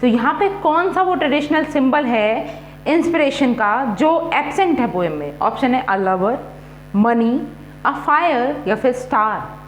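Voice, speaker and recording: Woman teacher, high and slow, running a quiz lesson. Echoey room, faint hum. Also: animated. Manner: poses questions, repeats options slowly, then gives the answer. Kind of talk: exam prep quiz lesson.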